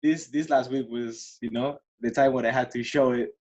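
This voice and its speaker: A young adult student from Spain, a guest on a casual podcast, speaks English as a second language with a Spanish accent. His mid-range voice is steady and darkish, and his speech is halting, with many restarts.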